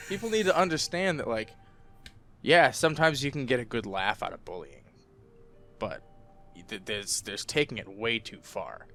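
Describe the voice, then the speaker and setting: A young man talking casually on a home podcast mic, his voice sitting at an ordinary middle pitch. He tells long, profane, rambling stories, and faint music plays beneath him. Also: expressive, measured pace, long pauses, bright, forceful tone. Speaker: podcast co-host. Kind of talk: casual chat.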